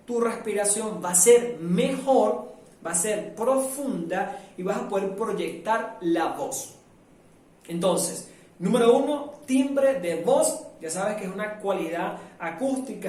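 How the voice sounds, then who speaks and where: A man from Venezuela teaching a live online public speaking workshop, lively and demonstrative, acting out the sounds he describes. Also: sits high. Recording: very echoey room, mic at a distance.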